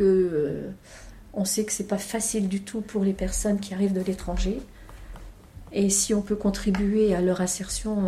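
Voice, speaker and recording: Female teacher, soft-edged mellow tone, informal explanatory interview delivery. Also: medium pitch, a little hiss or hum. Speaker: teacher of French to newcomers. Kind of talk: casual interview answer.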